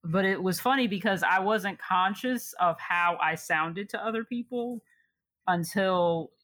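A woman's voice: medium pitch, a little slow, a bit bright, dry recording. A young woman from Chicago telling a personal story in casual conversation, laughing often and reflecting with many fillers.

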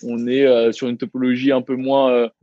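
A man co-founder of a restaurant chats on a podcast, hesitant and full of restarts. His voice sits at a middle pitch. The recording is dry and a little dull. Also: level tone, dry recording. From Vietnamese heritage, raised in France. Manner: halting, many fillers and restarts. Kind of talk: casual podcast interview.

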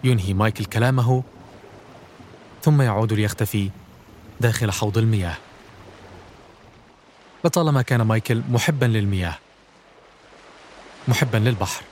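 A man's voice: on the low side, normal speed, long pauses, a little mellow, a little hiss or hum. A man hosting and narrating a scripted documentary podcast.

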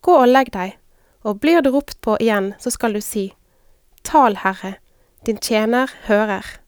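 Fatherly old priest, gentle and calm, smooth dry voice, as a woman reads him. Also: fairly high pitch, dry recording, close to an everyday voice. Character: old priest Eli, half blind, fatherly.

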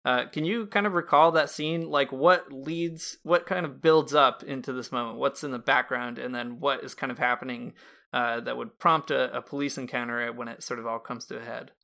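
A man's voice: medium pitch, fairly even intonation, moderate pace, vocal fry, sharp tone. A man hosting a casual intellectual interview, speaking in a reflective, tentative way as he frames questions. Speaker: podcast host, interviewer.

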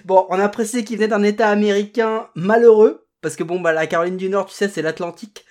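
A man's voice: high voice, fairly even intonation, fast talker, a little mellow. A man co-hosting a podcast with playful, teasing banter in casual chat. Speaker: podcast co-host.

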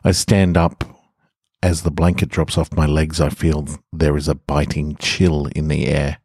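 An Australian podcast host sits close to the mic in his garage, opening with a casual introduction before narrating a horror story in the first person. His voice is extremely low, darkish and slightly rough, delivered in a level tone at a measured pace with no echo.

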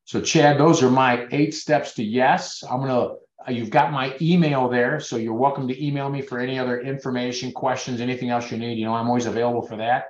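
A man's voice: mid-range voice, steady tone, a little fast, hardly any pauses. Male dentist presenter, earnest persuader, roomy and dull video-call audio. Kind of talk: webinar presentation.

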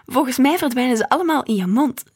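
A gentle storybook mother who coaxes her children along in a soft, breathy voice, as a woman reading aloud puts her on. She sounds cheerful and easy. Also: sits high, lively intonation, fast, voice pushed up. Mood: coaxing.

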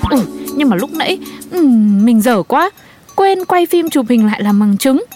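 A woman's voice: high-pitched, big pitch swings, moderate pace, a little mellow, soft background music. A woman plays a chatty, gossipy neighbor. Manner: gossipy, eager.

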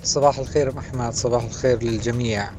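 A man's voice: mid-range voice, steady tone, rapid-fire, darkish tone. A man speaking casually in a voice message to a radio show. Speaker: listener sending a voice message. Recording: voice message with faint background noise.

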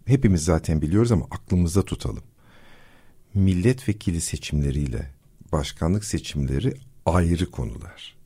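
A man with a very low, husky voice and a dark, mellow tone talks through his points in a measured, explanatory way. He pauses often with fillers as he explains. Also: animated. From Turkey. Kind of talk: casual discussion.

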